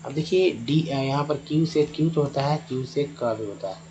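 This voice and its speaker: A male teacher at an ordinary pitch walks through pronunciation patiently, spelling words letter by letter and repeating sounds. A faint hum runs under his voice. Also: normal speed, muffled recording. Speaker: English teacher. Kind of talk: Hindi-language phonics lesson at a board.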